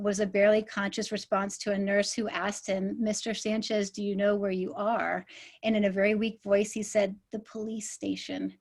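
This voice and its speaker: A woman comedy writer on a panel, answering with wry humor and anecdotes. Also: mid-range voice.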